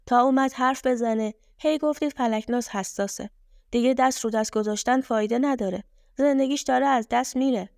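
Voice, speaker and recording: A woman's voice: a little high, gravelly, a little mellow, no echo, clean studio sound. A woman voicing an insistent young female friend who pleads on the heroine's behalf in a story reading. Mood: pleading.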